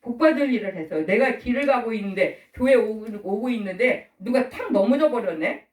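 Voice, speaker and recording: Recorded from far off in an echoey room, a middle-aged woman preaches a sermon, questioning her listeners and acting out the voices she quotes. Her voice is on the high side, animated, a little fast, and darkish in tone.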